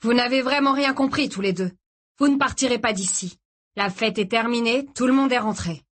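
A woman reading the part of a cruel young male captor who taunts his prisoners in a mock-gentle way. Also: fairly high pitch, normal speed, voice pushed up. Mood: taunting.

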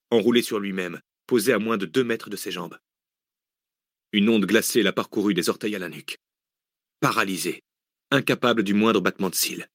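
A man narrates a thriller audiobook in a measured, dramatic way. His voice sits low. The recording is dry and close, with no room sound. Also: fairly bright tone, no echo.

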